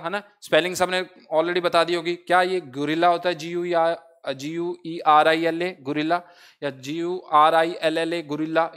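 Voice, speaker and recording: A man's voice: fairly high pitch, fairly bright tone, clear, resonant tone. A man teaching English vocabulary for an exam-prep class, asking questions and answering them himself, spelling words out letter by letter. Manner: mixes English phrases into his teaching. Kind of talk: online exam-prep lesson.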